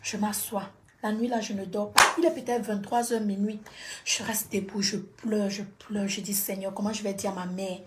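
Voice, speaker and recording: A woman's voice: mid-range voice, level tone, normal speed, very noisy. A woman telling a personal story on a livestream, dramatic and repetitive, talking straight to her audience.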